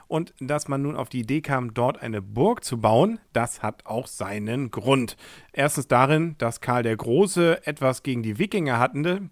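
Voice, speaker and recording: A man's voice: medium pitch, no room sound, clean studio sound. A man hosting a local radio podcast, talking through a town's history in a chatty, scripted way with wry asides.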